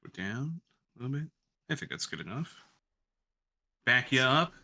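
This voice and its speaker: Cooking at the gas stove in his own kitchen, a man who works in radio keeps up a rambling, self-deprecating casual chat. His mid-range voice is animated and sharp in tone, moving at a moderate pace.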